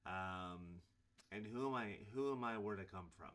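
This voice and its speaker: Casting: man in his 40s, deep voice, preacher telling his own story, loose and rambling, lots of ums. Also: moderate pace, fairly bright tone. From Illinois, USA. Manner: rambling, many fillers and restarts. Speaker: preacher giving his testimony. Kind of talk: casual personal testimony to camera.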